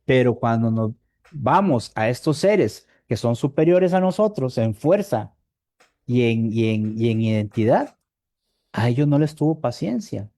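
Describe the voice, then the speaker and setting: Warm-voiced Costa Rican preacher. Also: male voice, mid-range voice, sing-song, a little slow, dry recording, studio quality. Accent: Costa Rican Spanish. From Costa Rica. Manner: conversational, asks the congregation "¿verdad?" often; repeats words while searching for them. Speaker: evangelist preacher. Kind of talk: sermon.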